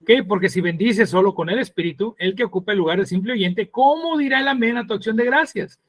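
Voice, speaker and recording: A male pastor teaching a sermon, earnest and explaining slowly with pauses. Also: dry recording. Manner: mimics mocking voices in a higher pitch.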